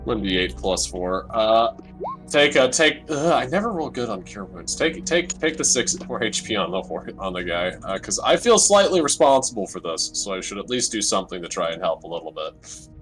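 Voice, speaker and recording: A man playing in a tabletop game, rambling and restarting, bursting into excited swearing. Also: fairly low pitch, normal speed, faint music behind. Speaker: player. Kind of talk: casual tabletop play.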